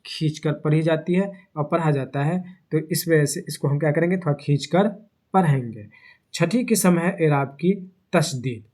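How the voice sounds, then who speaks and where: A male teacher explaining grammar in a lesson, asking questions and answering them himself, with repeated key terms and slowly stretched example words. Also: on the high side, darkish tone. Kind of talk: classroom-style grammar lesson.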